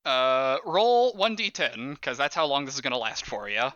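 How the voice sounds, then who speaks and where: A man running a tabletop horror game as game master, animated, laughing and swearing casually. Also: mid-range voice, normal speed, no room sound, highs cut off.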